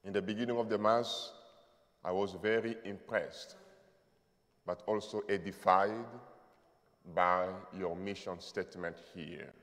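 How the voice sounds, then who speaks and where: A priest from the Democratic Republic of the Congo gives a sermon in a low voice, earnest and emphatic, pausing on fillers now and then. His words ring through a large church sanctuary with a long hall reverb trailing each phrase. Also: fairly even intonation, fairly bright tone. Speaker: visiting priest.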